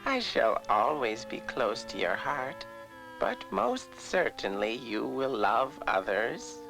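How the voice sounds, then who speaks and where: A woman performs a gentle, very old great-grandmother in a storybook fairy tale. Her voice is low and creaky, her delivery slow and tender. Music plays behind her. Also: big pitch swings, full character voice, low-quality recording. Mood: tender, solemn. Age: very old woman, as played.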